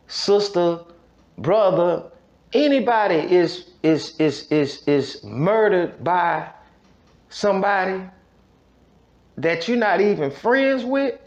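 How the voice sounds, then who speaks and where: On a podcast, an American man with a high voice casually recounts a personal story, leaning on emphasis, repetition, street slang and frequent check-in phrases. The audio sounds dull.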